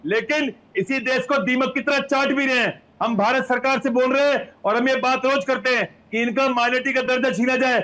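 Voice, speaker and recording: A man arguing loudly and repetitively as a panelist in a heated TV news debate. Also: extremely high pitch, low-quality recording. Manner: shouting, repetitive, combative.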